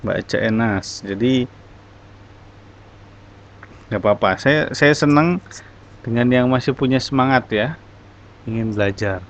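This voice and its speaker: A man's voice: mid-range voice, slow pace, pauses often. Encouraging man teaching a class, lo-fi. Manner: encouraging, explains step by step. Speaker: English teacher. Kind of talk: online class talk. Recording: dull lo-fi recording, faint noise.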